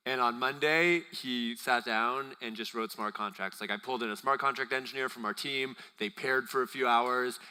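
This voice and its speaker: A man leading an onstage interview with a very bright, sharp voice that rings out through a long hall reverb. He asks his questions in a friendly, curious way. The sound has the wide, echoing tail of a large space. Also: medium pitch, clean tone.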